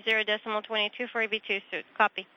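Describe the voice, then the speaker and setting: A crew member reading pressure numbers in short, flat callouts over a space-to-ground radio transmission. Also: mid-range voice, very fast. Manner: clipped, reads numbers flatly. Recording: muffled radio link with loud static.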